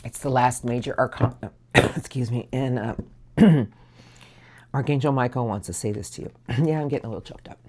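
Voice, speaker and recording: Very low-voiced woman reading tarot. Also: warm tone. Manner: soothing, affirming, drawn-out emphasis. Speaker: tarot reader.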